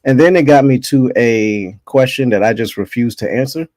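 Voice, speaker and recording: A laid-back man hosts a loose chat show with his friends, talking in an easygoing, rambling way. His voice sits at an ordinary middle pitch, and the sound is close and dry, with no room in it. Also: moderate pace, a little mellow, dry recording. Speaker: host running a wrestling bracket show. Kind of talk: casual group chat.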